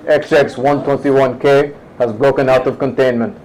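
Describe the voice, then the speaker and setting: A man voicing a stern male starship captain with a put-on Russian accent, reading computer logs slowly and formally. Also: medium pitch, steady tone, a little mellow, natural voice, rough recording. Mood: grave. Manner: formal, slow, dramatic log reading.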